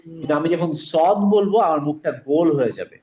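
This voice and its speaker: A man teaching a pronunciation class over a video call, patiently repeating sounds slowly to demonstrate. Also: fairly high pitch, dark tone, dull audio. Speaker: Quran recitation teacher.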